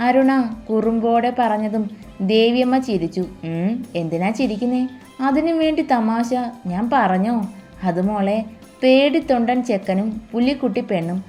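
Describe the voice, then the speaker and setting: A woman reading a romantic family story aloud, voicing every character in the same soft, even way. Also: on the high side. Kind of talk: scripted romance narration with character dialogue.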